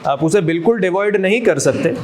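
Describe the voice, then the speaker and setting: A man giving a medical college lecture, slowly repeating key terms and quizzing his students as he goes. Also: high-pitched, expressive, darkish tone. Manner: slow, drawn-out emphasis, repeats key terms, quizzes students and calls them "beta". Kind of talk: classroom lecture mixing Hindi and English. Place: lecture room. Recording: noisy lecture recording.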